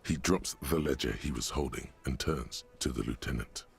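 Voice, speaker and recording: Game narrator, male, wry and second-person; very deep, gravelly delivery. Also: normal speed, soft background music.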